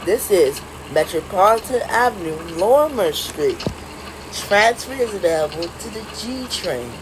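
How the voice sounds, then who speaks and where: A woman making recorded subway train announcements, stop by stop in a flat, measured announcer delivery. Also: medium pitch, noisy background.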